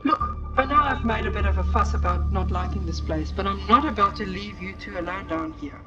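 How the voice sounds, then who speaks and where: A woman's voice: medium pitch, fairly quick, lo-fi sound. A woman reading a game's story and dialogue aloud for a playthrough, acting out the lines expressively. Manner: expressive, acts out the characters' lines. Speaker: game streamer. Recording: music behind the voice. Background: game music.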